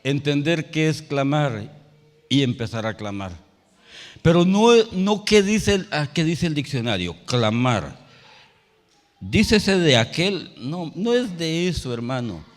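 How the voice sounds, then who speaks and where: A male pastor preaching a sermon. He tells a personal story and rises to loud, emphatic calls. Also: a little high, very animated, takes it slowly, in a large hall. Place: church sanctuary.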